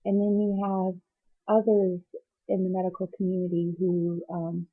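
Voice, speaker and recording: Woman, teary as after crying, slow halting delivery, flat intonation, confessional video diary, dull lo-fi sound. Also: on the low side, slightly rough. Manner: halting, hesitant, searching for words. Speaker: patient vlogger.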